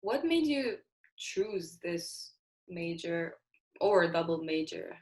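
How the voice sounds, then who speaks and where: A woman's voice: on the low side, expressive, takes it slowly. A woman hosting an interview show, introducing her guest and asking upbeat questions. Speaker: podcast host.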